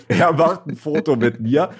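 A young man co-hosting a podcast, telling an anecdote in a casual, slangy, animated way. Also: on the high side, breathy edge. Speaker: podcast co-host. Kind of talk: casual storytelling chat.

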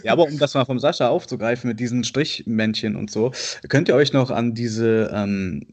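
A man's voice: medium pitch, normal speed. A man of thirty who co-hosts a casual podcast chat, hesitant and self-deprecating. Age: 30s. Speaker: podcast co-host.

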